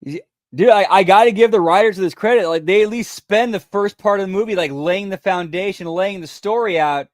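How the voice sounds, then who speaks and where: A man's voice: sits high, brisk, dry recording, clean studio sound. A man commenting casually on a film as a reaction host, in informal, slangy speech. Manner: informal, slangy, often says dude and pal.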